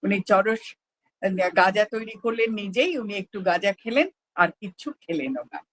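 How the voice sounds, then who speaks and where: A person reads a personal memoir aloud at a prayer gathering, telling it slowly and evenly. The voice sits in a plain middle register, neither high nor low, and the delivery stays measured throughout. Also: lively intonation, a bit bright, a little hiss or hum, rough recording.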